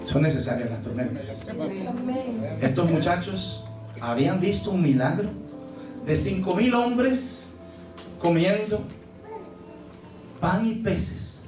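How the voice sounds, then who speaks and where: Man, pastor, high voice, lively theatrical preaching, distant mic, echoey church with music. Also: takes it slowly, long pauses. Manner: animated preaching, acts out scenes with loud cries. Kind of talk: sermon. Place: church service.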